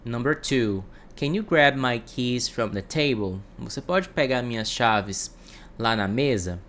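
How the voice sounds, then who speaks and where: Brazilian male English teacher, mid-pitched, patient explainer, faint background hiss. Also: fairly bright tone. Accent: Brazilian Portuguese. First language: Portuguese. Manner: slow, carefully spaced English examples with Portuguese translations. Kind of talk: explanatory online lesson.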